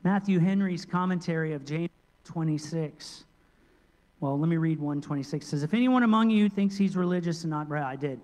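A middle-aged male pastor preaching a sermon into a handheld mic, moving between loud emphatic points and quiet asides. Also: a little high, brisk. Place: large church sanctuary. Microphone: handheld microphone. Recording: long church reverb.

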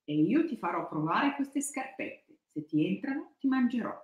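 A woman's voice: medium pitch, sing-song, normal speed, phone-quality sound, pitched above the performer's own voice, lightly acted. A woman voicing a hungry, stubborn male wolf who talks bluntly and greedily. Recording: echoey room.

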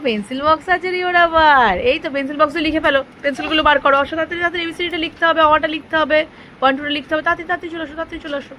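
A woman with a high, bright voice films her child at home. She chats casually and playfully, full of exclamations, teasing and fond scolding. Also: steady tone, very fast, a little hiss or hum. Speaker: mother filming her child. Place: at home, indoors.

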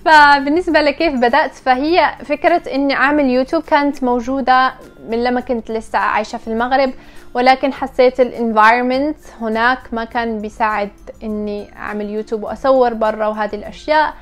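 A woman's voice: fairly high pitch, steady tone, fast talker, faint music behind. A young woman from Morocco chatting casually to her viewers, mixing in English words. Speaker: vlogger. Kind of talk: casual chat to camera.

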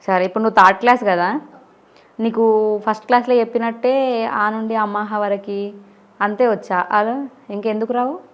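A woman interviewer asking a child quick, coaxing questions in a casual interview. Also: a little high, steady tone, dull audio.

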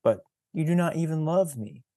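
A man reading aloud and voicing the sea as a calm, wise presence that speaks quietly and gently. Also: fairly high pitch, moderate pace, no room sound, clean studio sound, pitched above the performer's own voice, lightly acted. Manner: quiet and gentle, soft questioning tone.

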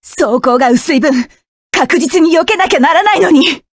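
For a set of game voice clips, a woman voices a fierce, proud young mech pilot, snapping out curt, scornful commands in a tense, wary mood. Her high-pitched, expressive voice moves at normal speed in studio-quality sound without echo.

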